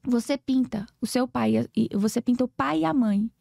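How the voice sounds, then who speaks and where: A woman's voice: a little high, normal speed, creaky, dark tone, no room sound, studio quality. A Brazilian woman in her forties, an educator and podcast guest, telling stories earnestly and acting out conversations. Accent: Brazilian Portuguese. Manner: earnest, preachy, acts out dialogues. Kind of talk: emotional storytelling interview.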